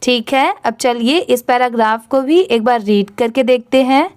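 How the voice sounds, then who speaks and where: Indian woman as reading teacher: high, smooth voice, unhurried letter-by-letter spelling, quizzes then answers herself. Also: a little mellow. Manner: spells words letter by letter, then asks and answers how to pronounce them. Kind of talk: slow spelling-out reading lesson.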